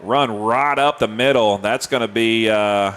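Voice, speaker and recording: A man calling high school football play by play, winded, laughing and chatty. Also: a little slow, clean tone. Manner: excitable, laughs often, chatty. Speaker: play-by-play announcer.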